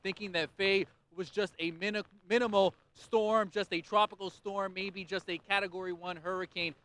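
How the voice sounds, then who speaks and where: A man's voice: high-pitched, pushed and bright. A man reporting live for TV news from a windy beach, with an urgent, projected delivery. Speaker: field reporter.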